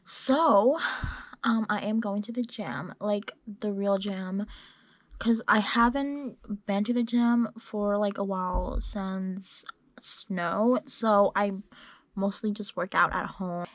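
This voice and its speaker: A woman's voice: mid-range voice, takes it slowly, no echo. A young woman chatting casually to a handheld phone camera, rambling with lots of fillers. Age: young adult. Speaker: vlogger. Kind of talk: casual vlog chat. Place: small bedroom and parked car. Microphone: phone camera at arm's length.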